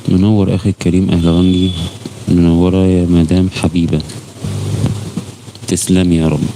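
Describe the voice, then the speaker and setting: A man's voice: deep voice, flat delivery, normal speed, background noise. A man with an Egyptian Arabic accent hosting a casual football live stream, chatting with viewers by name and swearing oaths as he talks. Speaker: football channel host.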